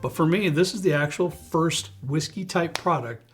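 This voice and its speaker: Middle-aged man, raised pitch, emphatic storytelling, casual chat, faint music behind. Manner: storytelling, emphatic, drawn-out phrases. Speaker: bourbon show host.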